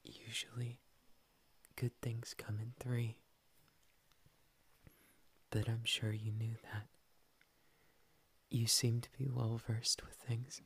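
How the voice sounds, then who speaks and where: A man doing a whispery, breathy cat boy. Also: mid-range voice, flat delivery, slow pace, long pauses, exaggerated voice. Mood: earnest. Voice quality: soft whispery delivery. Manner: tender, teasing, adds "nya". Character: shy, playful young male cat boy. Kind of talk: whispered ASMR roleplay.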